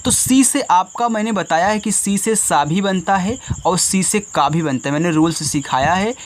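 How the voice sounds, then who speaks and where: A man's voice: high-pitched, moderate pace, a little hiss or hum. Patient male teacher, faint crickets. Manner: patient, explains step by step with repeated questions. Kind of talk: phonics lesson for children.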